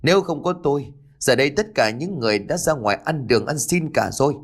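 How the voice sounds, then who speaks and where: A man voicing a bitter older woman in a ghost story, talking in rapid, shouted outbursts. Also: mid-range voice, very animated, husky. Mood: frantic.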